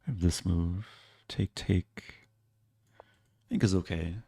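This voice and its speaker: A man giving casual live commentary as a chess streamer, low-key and thinking aloud in short fragments. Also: fairly quick, vocal fry, dark tone, breathy edge.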